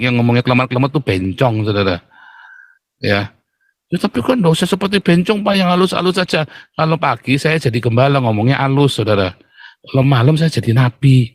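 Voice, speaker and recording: A middle-aged man, preaching a fiery sermon in a blunt, mocking, booming way. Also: no echo. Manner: blunt, mocking, booming, addresses listeners as "saudara".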